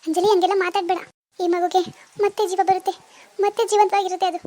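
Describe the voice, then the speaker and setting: [name], woman doing a very high gentle ghost sister. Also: level tone, fast talker, a little hiss or hum. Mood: tender. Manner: earnest, reassuring, repeats her words. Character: ghost elder sister, tender and protective.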